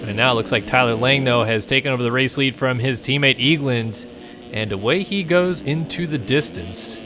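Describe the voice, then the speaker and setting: A young man commentates an online motocross race in a mid-pitched voice. His calls get quick and excited on the big moments, then settle into easy, laughing chatter. There is steady background noise behind his stream mic. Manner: excitable play-by-play that calms into joking banter. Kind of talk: live esports race commentary.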